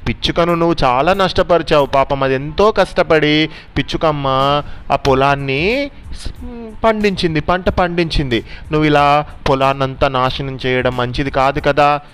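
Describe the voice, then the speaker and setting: A man's voice: on the high side, normal speed, fairly bright tone, smooth, lightly acted. A man voicing a stern, wise female owl in a spoken bedtime story, firm and scolding.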